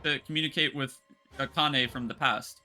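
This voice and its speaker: A man streaming a video game, reacting excitedly, swearing and reading the text aloud. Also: medium pitch, moderate pace, faint music behind. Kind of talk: casual game stream commentary.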